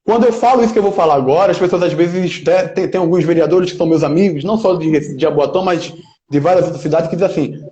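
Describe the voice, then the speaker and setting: Casting: man in his twenties, emphatic political interviewee, slightly high, warm tone. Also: quick pace. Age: 20s. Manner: emphatic, speechmaking, leans on "né?" tags. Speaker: local political pre-candidate interviewee. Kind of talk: earnest interview answers. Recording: roomy, slightly dull lo-fi sound.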